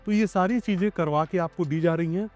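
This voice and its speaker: A man with a Lucknow accent walks viewers through a plot site outdoors, explaining and prompting his guest with questions. His voice sits a little high. Soft music plays faintly underneath. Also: brisk. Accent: Lucknow Hindi. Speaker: property video host. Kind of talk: on-site walkthrough interview.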